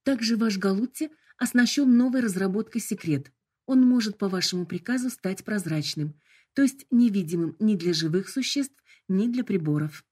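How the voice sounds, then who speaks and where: A woman's voice: mid-range voice, moderate pace, darkish tone, slightly rough, pitched above the performer's own voice, natural voice. A woman voicing a sickly sweet, politely formal female hologram assistant.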